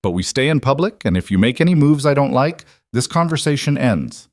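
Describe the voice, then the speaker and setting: A man's voice: mid-range voice, big pitch swings, a little fast, darkish tone, no echo, clean studio sound, voice pushed up. A man voicing a young woman bodyguard who speaks tersely and directly. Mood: firm.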